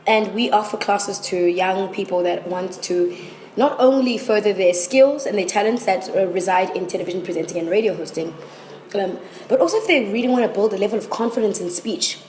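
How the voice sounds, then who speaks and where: A woman's voice: mid-range voice, expressive, a little fast, a little mellow. Articulate South African woman in an echoey room. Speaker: interview guest, presenting teacher. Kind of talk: conversational interview answers. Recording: roomy echo with faint background noise.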